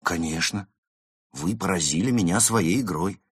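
A man voicing a polite, timid young tomcat with mild, low-key replies in an audiobook. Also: moderate pace, slightly rough, dry recording, clean studio sound.

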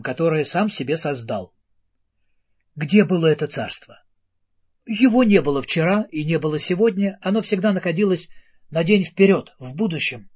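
A man tells a fairy tale, talking straight to his listener as a storyteller. His voice is fairly high with a husky grain. The recording is dull and lo-fi. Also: darkish tone. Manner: storyteller addressing the listener directly. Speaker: narrator. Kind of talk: storybook narration.

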